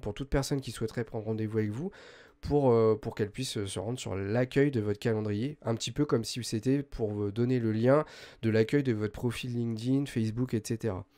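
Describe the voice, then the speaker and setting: A man talks through a screen-recorded software tutorial in a relaxed, conversational voice, pitched in the middle range. He explains every step aloud, pausing often and correcting himself as he goes. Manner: chatty, many hesitations and self-corrections. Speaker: host of a web tools tutorial channel.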